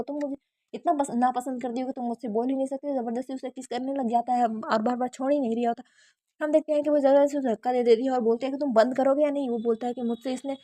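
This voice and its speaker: Fast-talking woman recapping a drama. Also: sits high, warm tone, no room sound. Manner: retells dialogue in quotes without doing character voices, frequent restarts. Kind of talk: casual storytelling recap.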